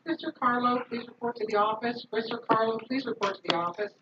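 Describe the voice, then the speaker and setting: A woman's voice: a little high, fast. A woman from the school office making a short paging announcement over the intercom, repeating it twice. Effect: heard over a school intercom loudspeaker. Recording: distant, echoey, muffled intercom in a noisy room.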